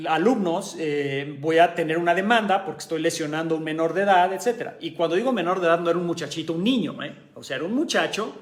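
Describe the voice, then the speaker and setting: Emphatic high-voiced Mexican man, echoey room. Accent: Mexican Spanish. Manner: emphatic, repeats phrases for stress. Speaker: aikido instructor. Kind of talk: telling a personal story.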